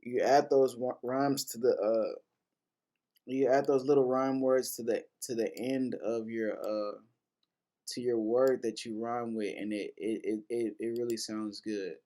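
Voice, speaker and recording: A man's voice: mid-range voice, steady tone, a little slow, warm tone. A man hosting a casual lesson that breaks down rap lyrics, talking loosely with lots of fillers, restarts and casual swearing. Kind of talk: casual explanatory commentary.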